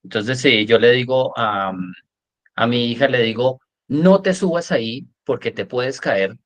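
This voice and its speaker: A man lecturing a workshop class, animated, often checking in with "¿sí?" and acting out examples. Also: mid-range voice, unhurried. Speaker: coach teaching a workshop.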